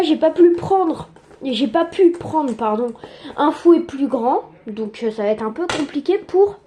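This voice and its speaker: A young woman giving a casual cooking tutorial in her home kitchen, chatty and quick to joke about herself. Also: high-pitched, mellow, a little hiss or hum. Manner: chatty, joking, self-mocking asides.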